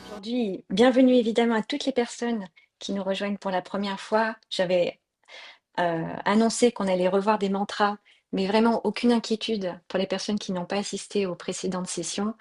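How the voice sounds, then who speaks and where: A woman's voice: medium pitch, fairly even intonation, moderate pace, a little mellow. A woman leading an online mantra workshop, patiently explaining pronunciation with frequent fillers, heard through a computer mic on a video call. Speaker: mantra and yoga teacher.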